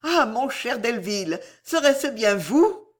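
A man's voice: very high voice, sing-song, slow, voice pushed up, exaggerated voice. A man reading an audiobook, voicing a frail young woman who speaks faintly and tenderly.

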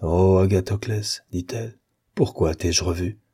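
A tender young noblewoman who speaks softly and falters, as a male reader gives her lines. The voice stays deep and husky, with a dark, mellow tone. It is a storybook voice, plainly the reader's own. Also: a little slow. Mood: faltering.

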